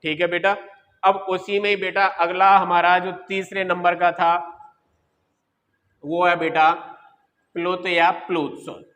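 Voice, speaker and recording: A man's voice: high-pitched, flat delivery, unhurried, pauses often, a bit bright. A man teaching Hindi grammar in a lecture, fatherly and coaxing, addressing students as children and using homely everyday examples. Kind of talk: classroom lecture. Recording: reverberant room.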